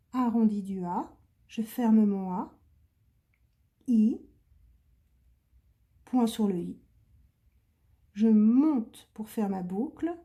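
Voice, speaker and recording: Slow, patient woman teaching handwriting. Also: a little high, dark tone. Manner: slow, patient, clearly articulated dictation. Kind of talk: handwriting lesson, step-by-step instruction.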